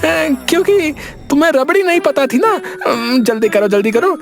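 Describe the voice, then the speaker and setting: Voice actor doing a squeaky dim village husband. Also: very animated. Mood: silly, whiny. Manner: squeaky, whining, drawn-out complaints. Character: dim-witted village husband, fussy and whiny. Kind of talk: Hindi cartoon dubbing. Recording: background music under voice. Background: cartoon background music.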